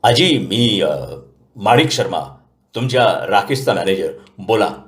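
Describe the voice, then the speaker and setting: A harried middle-aged office manager, voiced by a male storyteller. He talks in a businesslike way, mixing in English phrases, with an animated rise and fall in his pitch. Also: measured pace, reverberant.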